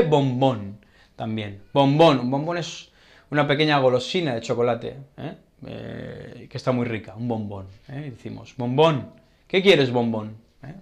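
A man from Spain with a Castilian Spanish accent who teaches Spanish vocabulary. He speaks slowly, repeats words, checks understanding with short tag questions, and writes on a board as he explains. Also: mid-range voice, gravelly.

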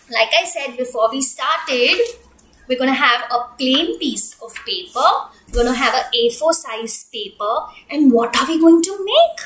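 A young woman presenting like a kids show host, coaxing small children in an animated, repetitive, sing-song way. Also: sits high, slight background noise. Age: young adult. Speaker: preschool storytelling teacher, kids show host. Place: small room indoors. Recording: echoey room.

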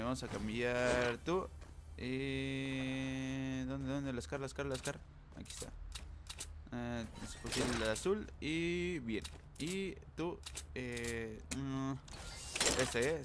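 A man giving live gameplay commentary, talking to his viewers and repeating words rapidly when excited. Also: medium pitch, background noise. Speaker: gamer.

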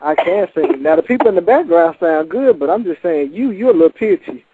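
A man's voice: high voice, animated, brisk, slightly rough, no echo. A man calling in to a radio show over the phone, chatting casually in a blunt, teasing way. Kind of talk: casual call-in banter. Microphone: telephone. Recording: narrow, muffled phone line.

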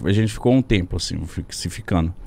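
A young man telling a story as a podcast guest, animated and slangy, with a lot of swearing. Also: deep voice, fast, creaky. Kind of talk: casual storytelling. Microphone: studio podcast mic.

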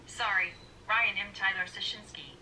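Female android voice, too smooth, synthetic, bright, polished even delivery. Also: medium pitch, moderate pace, a little hiss or hum, rough recording. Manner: even, polished, evenly paced replies. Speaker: phone voice assistant. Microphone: played from a phone speaker.

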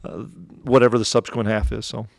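A middle-aged man with an Upper Midwest American accent, a head football coach answering press questions after a game in a relaxed, plainspoken way, with many fillers and restarts. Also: medium pitch, fast, gravelly, no echo, faint music behind. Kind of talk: postgame press conference answers. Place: press room in front of a sponsor backdrop. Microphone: table mic close in front.

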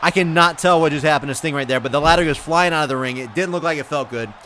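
An excitable man calls a wrestling video game match play by play, often breaking into shouts and exclamations. His voice sits high and comes across bright and sharp. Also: quick pace, slight background noise. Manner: addresses viewers as folks.

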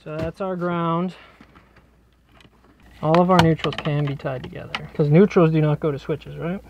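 Working in a cramped basement crawl space, an electrician host explains wiring to camera in a relaxed, joking way. His voice is on the high side with fairly even intonation and a moderate pace, and the muffled recording has a noisy background.

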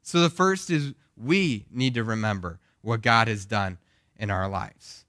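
A young male pastor preaching in an earnest, questioning way, his voice groggy. The tone is bright and forceful, and the sound is close and dry. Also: fairly low pitch, measured pace, no echo. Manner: earnest, asks the congregation questions. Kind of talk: sermon.

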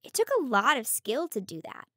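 A bright young girl explorer guiding a children's audio drama. Her voice is very high with a gravelly fry at the edges. She explains each fact in a clear, storytelling way. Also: wildly swooping pitch, moderate pace, noisy background. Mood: explaining.

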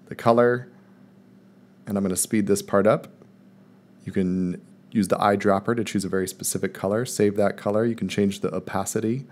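A man calmly walking viewers step by step through a screen-recorded software tutorial, in voice-over. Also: fairly low pitch. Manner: calm step-by-step explaining. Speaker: math teacher presenting a tutorial. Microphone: voice-over recorded over screen capture.

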